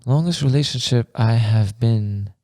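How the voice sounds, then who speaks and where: A man's voice: medium pitch, unhurried, dark tone, no room sound, studio quality. A man in his twenties, from Afghanistan, co-hosting a podcast in casual chat, laughing often and telling stories in loose slang. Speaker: podcast co-host.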